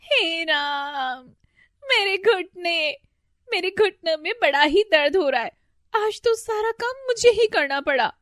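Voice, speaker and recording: A woman voicing a fretful, easily panicked older mother-in-law in a storybook tale, with a shrill, wailing, pleading way of talking. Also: moderate pace, no echo, studio quality.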